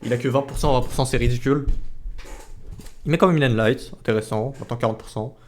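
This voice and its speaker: A man's voice: medium pitch, fast. Casual, slangy man esports caster. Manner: casual slangy, exclaiming, muttering repeated words under tension. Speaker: esports caster commentating a tournament stream. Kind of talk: live esports casting, play-by-play game commentary.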